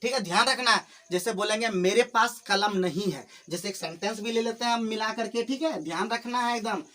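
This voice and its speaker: In a classroom, a patient male teacher gives a spoken English lesson in Hindi, his extremely high voice sounding pushed and bright. He goes slowly, repeats his explanations, and speaks to his students with fondness. The footage was shot on camera without a mic.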